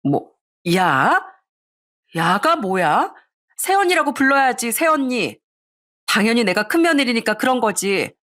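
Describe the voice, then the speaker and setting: A woman's voice: fairly high pitch, big pitch swings, a little slow, pauses often, fairly bright tone, voice pushed up. A woman reading a greedy young daughter-in-law who talks back defensively and haughtily.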